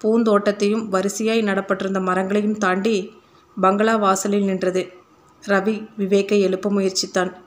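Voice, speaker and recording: A woman reading a romance novel aloud as an audiobook narrator, with a steady, even delivery. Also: mid-range voice, moderate pace.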